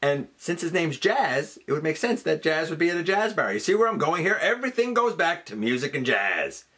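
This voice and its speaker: On the high side, his voice is sing-song, a bit bright and slightly rough, moving a little fast. The man hosts a countdown video with excited, wordy narration, theatrical stresses, and frequent conversational asides.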